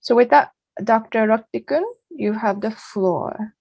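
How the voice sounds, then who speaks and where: Gravelly-voiced woman moderating a webinar. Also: on the high side, unhurried, darkish tone, no echo. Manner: polite, with hesitant fillers. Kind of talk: formal moderation.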